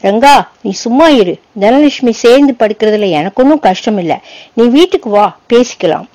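A shy but earnest teenage schoolboy speaking up to a friend, voiced by a woman narrating a storybook. The voice is fairly high, the sound dry and close. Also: animated, normal speed, a little mellow, dry recording, lightly acted. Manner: earnest, hesitant.

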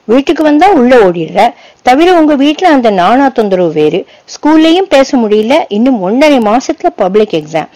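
A bold teenage schoolgirl who coaxes and pleads with a classmate, as a woman narrator gives her voice. The pitch is raised and the recording dry and close. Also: very animated, normal speed, dark tone, dry recording, rough recording. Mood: pleading. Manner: coaxing, pleading.

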